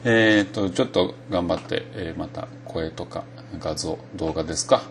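A man's voice: sits low, moderate pace, gravelly, a little hiss or hum. A middle-aged man with a Kansai Japanese accent, giving a casual spoken lesson on English pronunciation and thinking aloud with many fillers.

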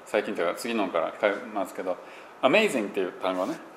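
A man with a Kansai Japanese accent teaches English pronunciation in a casual explanation, working through examples with lots of fillers. His voice is deep and a bit bright, very animated and fast. The room is echoey with faint background noise.

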